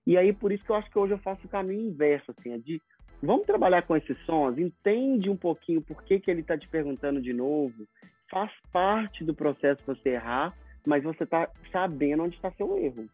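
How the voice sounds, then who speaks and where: A man's voice: fairly high pitch, expressive, fairly quick, husky, dry recording, faint music behind. A Brazilian man teaching English pronunciation in an interview, explaining with acted-out example dialogues. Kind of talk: casual interview talk. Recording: tinny phone-like sound.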